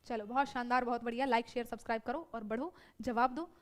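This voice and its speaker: A woman teaching a live online exam-prep class, brisk and self-correcting, who keeps checking in with her students. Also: a little high, steady tone.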